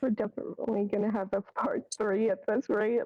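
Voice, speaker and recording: A woman's voice: mid-range voice, level tone, a little fast, dull audio. A woman in a tabletop game reacting with amused exclamations. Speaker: player.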